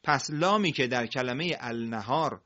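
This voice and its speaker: A man teaching Quran reading on a broadcast, explaining patiently, asking students questions and drawing words out slowly. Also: mid-range voice, sharp tone, muffled recording.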